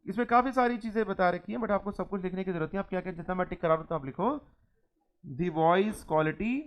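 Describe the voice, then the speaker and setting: High-pitched lecturer reading slowly. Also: male voice, fairly even intonation, dull audio. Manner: reads English lines slowly, then explains them in Hindi. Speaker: teacher. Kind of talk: classroom lecture.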